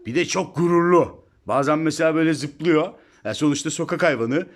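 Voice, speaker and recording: A man's voice: fairly high pitch, brisk. A man chatting casually to viewers about his cat in a home video, filmed on a phone indoors. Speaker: pet vlogger.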